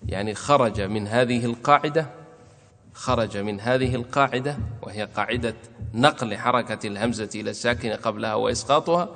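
A man teaches recitation rules at a mid-pitched, ordinary level, slowing down to chant each verse and example. He poses questions and answers them himself while his voice rings with a long reverb. It sounds like a lesson recorded in a large resonant space. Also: fairly bright tone. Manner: recites verses slowly, then explains with repeated examples. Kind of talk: explaining a didactic poem line by line.

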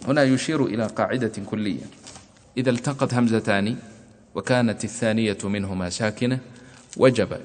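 A man's voice: lowish voice, a little fast. A man giving a lesson on Quran recitation, explaining the readings at length and chanting verses and lines of verse. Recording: long hall reverb.

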